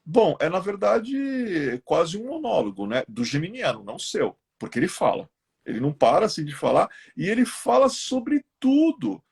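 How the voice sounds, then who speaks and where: A man's voice: high-pitched, moderate pace, gravelly, husky. A man with a Brazilian Portuguese accent, teaching about esoteric lore in a live-stream chat. He tells old myths as stories, often checking in with his listeners. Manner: lively explainer who acts out myths in quoted voices, with frequent tag questions. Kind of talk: storytelling lecture in a live chat.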